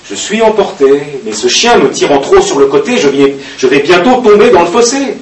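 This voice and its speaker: A man reading a diary aloud in a halting, expressive way with occasional fillers, recorded at a distance in an echoey room with faint hiss. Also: high voice. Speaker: reader.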